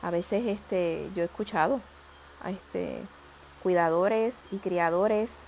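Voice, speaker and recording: A woman hosts a reflective audio monologue, gently explaining ideas and thinking aloud as she goes. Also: on the low side, slow, vocal fry, a little hiss or hum. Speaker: podcast host.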